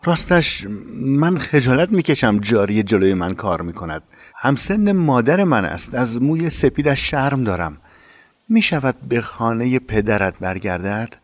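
An actor playing a devout young husband who speaks softly and earnestly in an audiobook drama. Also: male voice, medium pitch, very animated, no echo. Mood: coaxing.

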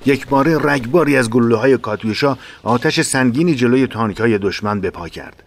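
A man narrating a war memoir in a measured, dramatic reading. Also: mid-range voice.

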